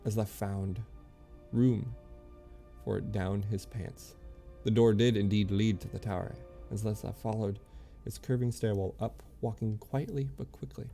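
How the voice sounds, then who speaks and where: A man streaming a game, reading its lore aloud in a halting way, often stumbling and correcting himself. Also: on the low side, fairly even intonation, gravelly, warm tone, soft background music.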